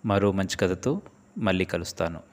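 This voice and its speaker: A man narrating an emotional first-person love story in a soft, heartfelt storytelling manner. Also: low voice, expressive, normal speed. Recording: long reverb.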